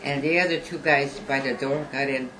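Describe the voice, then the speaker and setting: A woman in her nineties, interviewed on home video at a family gathering, telling an old memory in a plain, halting way with repeated words. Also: a bass voice, fairly even intonation, over music, rough recording. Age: 90s. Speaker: eyewitness being interviewed.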